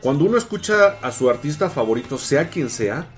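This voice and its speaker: A man's voice: mid-range voice, very animated, brisk, faint music behind. A man co-hosting a casual podcast, playful and chatty. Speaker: podcast co-host. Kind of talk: casual chat.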